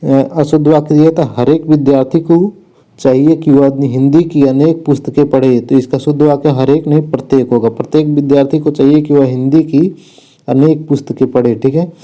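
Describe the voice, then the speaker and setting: A man's voice: fairly high pitch, steady tone, normal speed, warm tone. A man working through spelling and sentence corrections for exam students, saying "theek hai" after each point. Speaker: exam coach. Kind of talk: spelling lesson walkthrough.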